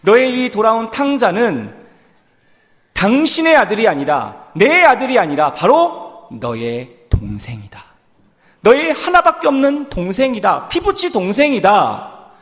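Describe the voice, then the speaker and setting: A man's voice: on the high side, very animated, slow. A preacher acting a tender pleading old father. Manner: coaxing, earnest. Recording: long church reverb.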